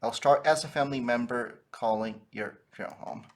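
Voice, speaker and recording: Speaking briskly at a medium pitch, a man trains funeral-industry salespeople in a relaxed, instructional way. His delivery is conversational, and he frequently tacks a "right?" onto what he says.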